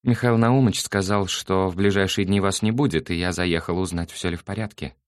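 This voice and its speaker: A man's voice: deep voice, steady tone, fairly quick, clear, resonant tone, no echo, clean studio sound, pitched above the performer's own voice, natural voice. A man voicing an offended female office colleague in an audiobook, speaking cold and clipped.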